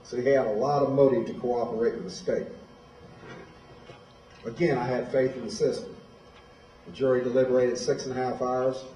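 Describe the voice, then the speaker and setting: A man's voice: medium pitch, level tone, moderate pace, pauses often, mellow, far from the mic, a little hiss or hum. Plainspoken man in an echoey hall. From Illinois, USA. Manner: plainspoken, storytelling. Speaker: guest speaker at a school. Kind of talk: personal testimony speech. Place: high school hall.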